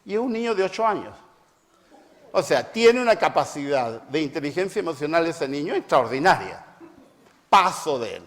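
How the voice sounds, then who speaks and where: A man's voice: on the high side, expressive, brisk. A middle-aged man preaching a reflective talk with personal anecdotes, emphatic and repeating phrases for stress, in a hall with a long reverb. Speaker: preacher and family therapist.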